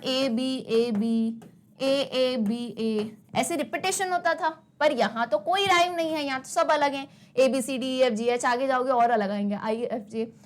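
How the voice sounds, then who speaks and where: High-voiced woman teaching a class. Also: a little hiss or hum. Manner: mixes Hindi with English words, asks and answers students' questions herself. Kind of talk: classroom lesson explanation.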